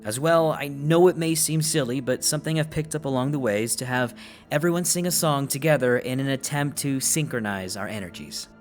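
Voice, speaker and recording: A man in his twenties, speaking at a medium pitch and a somewhat quick pace, acts as host and lead investigator on a ghost hunt. He narrates, briefs the group, and earnestly calls out to spirits, with soft music playing in the background.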